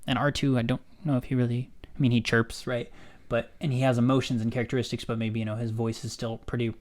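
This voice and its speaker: Man, podcast co-host, casual fan chat, hesitant, fillers, mid pitch. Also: little pitch movement, fast, a little mellow. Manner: chatty, hesitant with many fillers.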